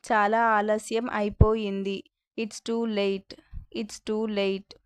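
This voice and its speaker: A woman with a Telugu accent teaching spoken English, saying each short phrase twice, slowly and distinctly. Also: mid-range voice, little pitch movement, smooth, no echo. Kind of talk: slow repeat-after-me phrase drill.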